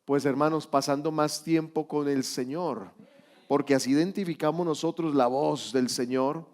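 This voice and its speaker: A male pastor delivering a Sunday school sermon in a fairly high voice. He builds to loud, emphatic peaks, then falls back to hushed asides. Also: steady tone, normal speed. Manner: preaching with rising emphasis and quiet asides.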